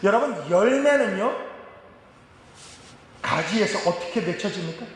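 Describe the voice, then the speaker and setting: A man preaching a sermon as pastor, acting out prayers and quotes with sudden drops and rises in loudness. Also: high voice, animated, measured pace, a little hiss or hum. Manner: dramatic, acts out prayers and quotes with big swings in loudness. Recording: echoey hall with long reverb.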